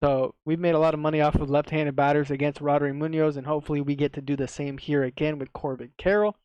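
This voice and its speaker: Male sports tipster, slight retainer lisp, clean and smooth tone, very even pitch, casual and slangy. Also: fast, no room sound, dull audio. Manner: slangy, swearing, repeats himself for emphasis. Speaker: sports betting tipster, video host. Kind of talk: casual sports betting commentary to viewers.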